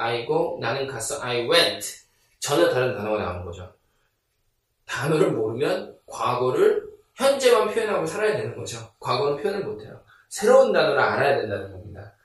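A man's voice: mid-range voice, very echoey, distant mic. A man teaching a beginner English lesson, patiently drilling word pairs and repeating each one.

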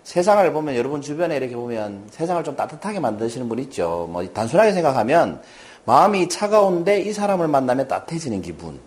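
A man's voice: mid-range voice, quick pace. A man giving a lecture to an audience, telling stories and acting out the characters' lines. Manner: lively, acts out quoted characters. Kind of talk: lecture with storytelling.

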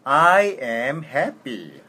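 A man's voice: on the high side, sing-song, bright, forceful tone. A man taking an English lesson, answering briefly and repeating phrases after his teacher. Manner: slow, compliant, brief replies. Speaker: student.

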